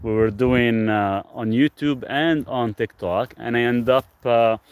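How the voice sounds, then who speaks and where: The sound is phone-quality, recorded on a phone camera outdoors on rural off-grid land. A Lebanese man with a medium-pitched, clean-toned voice hosts a live stream at a measured pace, casually reading viewers' comments out loud and replying to them.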